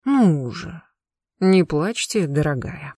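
A suave, cruel aristocratic lord from an audiobook, polite on the surface and icy underneath, as a reader puts him on. His pitch rises and falls with mocking surprise, and the voice sits close and dry with no room around it. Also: expressive, unhurried, no room sound, close to an everyday voice. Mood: cold menace. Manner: courteous, mocking, with cold menace. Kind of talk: audiobook narration.

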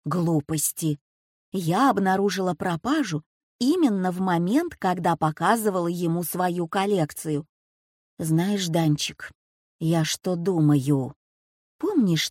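A fussing old grandmother, as a woman reader puts her on, her voice dropped lower than the narration and slowed to a sighing drawl. She frets to her granddaughter in an audiobook story. The recording is dry and close. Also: expressive, darkish tone, husky, dry recording. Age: over 60.

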